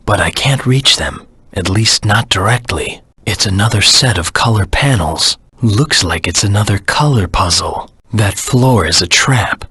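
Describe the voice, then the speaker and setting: A man voicing a brooding, determined anti-hero hedgehog in a video game, terse and cold, with a gruff voice. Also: on the low side, animated, unhurried, few pauses, bright, forceful tone, no echo, clean studio sound, heavily acted. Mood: wary, focused. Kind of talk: video game character voice acting.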